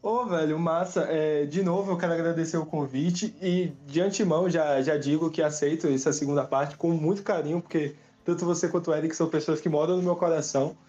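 A young man speaking informally and humbly as a guest in a casual podcast chat, using relaxed slang. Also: a little high, fairly quick, hardly any pauses. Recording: dull lo-fi audio, background music.

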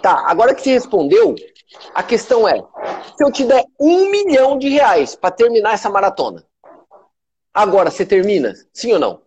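Husky, emphatic Brazilian man. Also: very high voice, very animated, moderate pace, darkish tone, dull audio. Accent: Brazilian Portuguese. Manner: emphatic, repetitive, blunt, swears freely. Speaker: live stream host, motivational speaker. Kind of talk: motivational live talk to followers.

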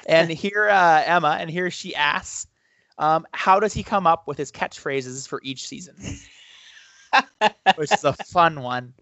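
A man's voice: a little high, takes it slowly, long pauses, sharp tone, dry recording. A man co-hosting a podcast, chatting casually and reading out fan questions. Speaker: podcast co-host.

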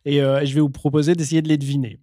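Host doing a morphing voice: laid-back male crow slammer, warm and dry. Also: level tone, racing, no room sound, close to an everyday voice. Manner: switches between host voice and a lower crow persona. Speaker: podcast host. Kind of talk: playful podcast banter.

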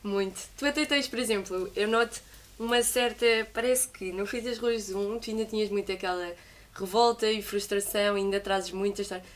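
Woman, medium-pitched voice, interviewer, casual music chat, slangy, agreeing, thinking aloud. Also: steady tone, brisk, slight background noise.

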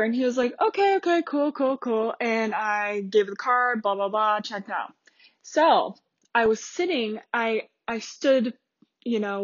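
A young woman with a slightly high voice hosts a solo podcast and tells a story in a loose, chatty way, full of "like" and restarts. The recording is dry and a bit dull and lo-fi. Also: dry recording. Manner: chatty and rambling, many fillers and restarts. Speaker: podcast host.

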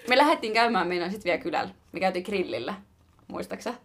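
A woman's voice: fairly low pitch, expressive. A young woman co-hosting a podcast, chatting casually and telling stories with laughter and slangy swearing. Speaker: podcast co-host. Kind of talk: casual chat.

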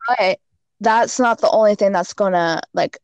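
A woman's voice: medium pitch, normal speed, a little mellow, smooth, dry recording. A woman guest on a casual podcast, giving frank fitness and diet advice with lots of "like" and "you know.".

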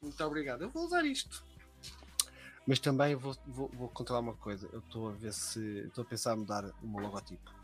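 A man's voice: medium pitch, lively intonation, brisk, faint music behind. A young man with a European Portuguese accent chatting casually as a live stream co-host, slangy and full of swearing.

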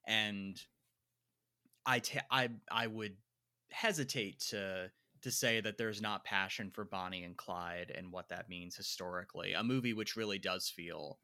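A man's voice: low voice, unhurried, pushed and bright, clear, resonant tone, dry recording, studio quality. A man with a slight New Jersey accent, co-hosting a podcast and talking through his view of a film, hedging and repeating words as he thinks. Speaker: podcast co-host. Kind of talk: casual film discussion.

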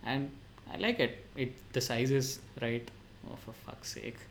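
A man's voice: medium pitch, measured pace, vocal fry, a little hiss or hum. A man co-hosting a tech podcast, blunt and exasperated, swearing often. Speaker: podcast co-host. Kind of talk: casual tech podcast chat.

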